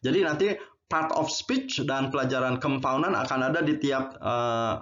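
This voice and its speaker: A man's voice: medium pitch, normal speed, a bit bright, muffled recording. A man teaching an English vocabulary lesson. He reads word pairs, drills them and explains in a patient, chatty way. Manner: repeats words and explains, adds "ya" to phrases.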